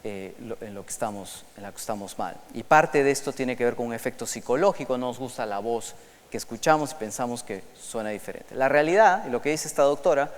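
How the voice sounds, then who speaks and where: Addressing a large auditorium through a microphone, a conference speaker lectures in a smooth, resonant voice of medium pitch at a brisk pace, with a long hall reverb. He's animated, asks the crowd questions, and switches into English for quotes.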